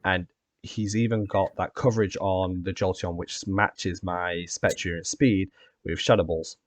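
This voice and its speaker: Low-voiced man hosting a casual recap. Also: fairly even intonation, a little slow, dry recording. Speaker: podcast host and competitive player. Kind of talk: casual recap and predictions chat.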